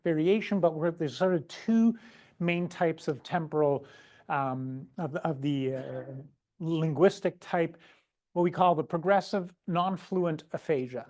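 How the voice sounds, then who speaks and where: Brief: woman physician, informal teaching talk, lower voice, conversational with frequent "right?" checks. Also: a little slow, a little mellow. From Canada. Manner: chatty, keeps asking "right?", acts out patients' words. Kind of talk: informal lecture.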